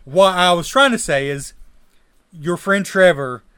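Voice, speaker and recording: A man with a thick deep Southern US accent and slightly mumbled diction, bantering casually as a podcast co-host. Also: expressive, unhurried, a bit bright, clear, resonant tone, dry recording, studio quality.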